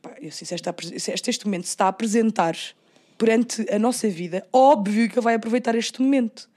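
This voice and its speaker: Young female podcast co-host, extremely rapid casual speech, somewhat high pitch. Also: mellow. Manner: slangy, quoting own thoughts and remarks. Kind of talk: casual chat.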